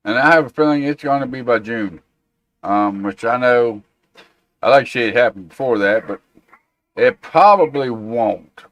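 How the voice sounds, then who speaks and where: A man's voice: medium pitch, moderate pace, fairly bright tone. A man hosting a tech show, chatting casually and informally and reacting to viewer comments. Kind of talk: casual livestream chat.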